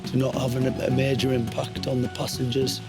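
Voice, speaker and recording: Very monotone man reporting on work. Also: medium pitch, brisk. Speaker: railway works manager. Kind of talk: progress report to camera. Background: prominent music.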